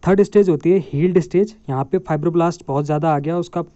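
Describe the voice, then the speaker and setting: A man's voice: fairly high pitch, quick pace, warm tone, no room sound, dull audio. A young man giving a medical lecture, posing questions to his viewers and answering them himself, calling them guys. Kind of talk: explanatory medical lesson.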